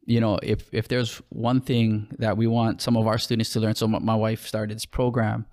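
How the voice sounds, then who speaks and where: Hawaiian man in his thirties, creaky-voiced, halting podcast talk. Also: on the low side, level tone, a little mellow. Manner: halting, many restarts and fillers. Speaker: podcast co-host, clothing brand owner. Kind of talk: casual podcast chat.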